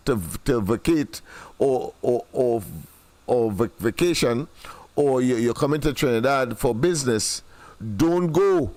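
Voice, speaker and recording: A man's voice: mid-range voice, a little mellow, dry recording. Talk show host guy, dry close sound, lots of uhs and restarts, kinda formal way of talking. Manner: hesitant, many fillers and restarts, formal wording.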